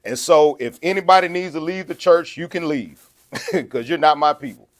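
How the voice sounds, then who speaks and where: A man preaching a sermon, conversational, shifting between quiet asides and loud, slow scripture reading. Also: on the high side. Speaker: pastor.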